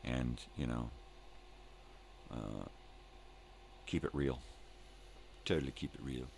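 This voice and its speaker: A man's voice: rumbling low, slow pace, gravelly, darkish tone, a little hiss or hum. An older man hosting a live morning show with casual, rambling chat in laid-back hippie slang, drifting along and repeating himself.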